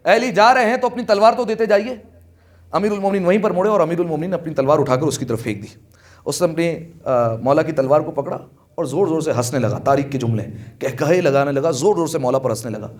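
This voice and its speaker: A man's voice: on the high side, a little mellow. A man delivering a sermon with impassioned storytelling, raising his voice for quoted lines and asking the listeners questions. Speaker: preacher. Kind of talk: Urdu majlis sermon. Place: religious hall.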